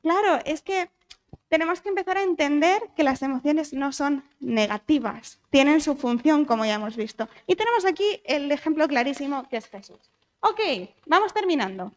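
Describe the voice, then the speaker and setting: Spanish lady psychologist, high voice, chatty talk, keeps asking the crowd stuff. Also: moderate pace. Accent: Spanish from Spain. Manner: lively, asks the audience questions, frequent tag questions. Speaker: psychologist giving a church talk. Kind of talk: conversational talk to an audience. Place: church hall.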